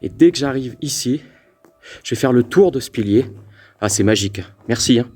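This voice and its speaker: Man, ghost-hunting vlog, mellow dark voice, stammers, excitable, addresses spirits. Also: mid-range voice, moderate pace, breathy edge. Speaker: paranormal investigator. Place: abandoned mountain fort.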